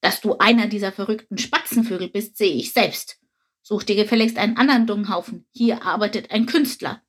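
A woman doing a proud, grumpy old male dung beetle from a storybook, who speaks gruffly but patiently explains things. The voice stays close to her own middle pitch, with a soft, breathy edge. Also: brisk, natural voice. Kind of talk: storybook reading.

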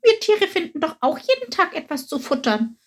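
A woman voicing an eager, curious male sparrow in a storybook, asking excited, chirpy questions. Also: extremely high pitch, normal speed, pitched above the performer's own voice. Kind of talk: storybook reading.

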